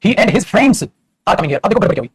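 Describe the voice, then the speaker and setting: A man teaching English grammar in a lecture. He explains fast, calls his students "beta" and keeps asking if they follow. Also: high voice, big pitch swings, breathy edge, no room sound. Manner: rapid and explanatory, addresses students as "beta", often asks "theek hai?". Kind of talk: classroom lecture in Hindi mixed with English.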